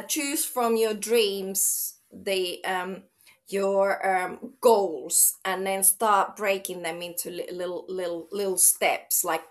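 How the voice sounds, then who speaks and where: A middle-aged Finnish woman, a fitness trainer whose first language is Finnish, chats casually as an interview guest. Her voice sits at medium pitch with a fairly bright tone. She's outgoing and talkative, often restarting her sentences.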